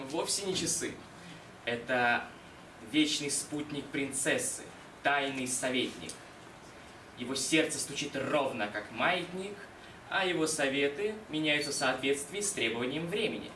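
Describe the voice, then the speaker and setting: A young man playing a dreamy, lovelorn, modest scholar in an expressive, dramatic declamation of a stage monologue, with deliberate pauses. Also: medium pitch, lightly acted. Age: young adult. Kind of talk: dramatic declamation, theatrical literary monologue recitation. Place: small indoor concert hall stage. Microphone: far camera. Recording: roomy, distant mic, noisy hall.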